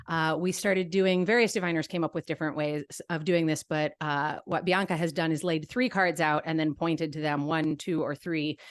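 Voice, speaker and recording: Woman player, lowish voice, dry sound, brisk explanations. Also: no echo. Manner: explains quickly, descriptive. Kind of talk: tabletop game play.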